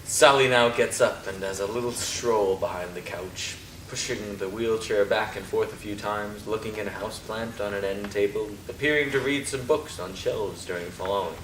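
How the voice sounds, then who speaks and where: Deep-voiced man reading stage directions, echoey. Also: normal speed, a bit bright. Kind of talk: scripted narration at a play reading. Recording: distant, echoey room, faint noise.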